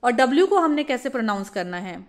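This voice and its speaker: A woman teaching a phonics lesson for parents, demonstrating each letter sound slowly. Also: on the high side, sing-song.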